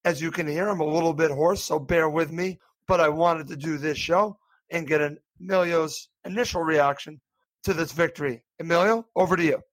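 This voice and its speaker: A man's voice: on the high side, normal speed, poor audio. A man reading a scripted advert as an announcer.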